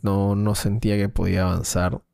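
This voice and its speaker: A man's voice: fairly low pitch, flat delivery, normal speed, vocal fry, dark tone, dry recording, studio quality. A man, co-hosting a podcast, telling a long story in a rambling casual way, full of slang and restarts. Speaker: podcast co-host, filmmaker. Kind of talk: casual chat.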